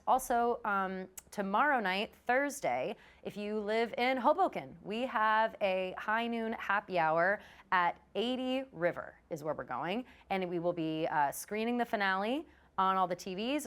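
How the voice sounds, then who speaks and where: A woman hosting a live talk show in casual chat, chatty and quick to swear. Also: mid-range voice, clean tone. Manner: chatty, profane, quick asides. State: out of breath.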